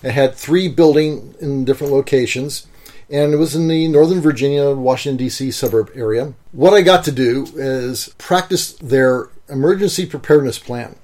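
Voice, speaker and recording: A man co-hosting a conversational podcast, telling an example at a measured pace with some fillers. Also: mid-range voice, darkish tone. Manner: storytelling, measured with occasional fillers. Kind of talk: casual explanatory chat.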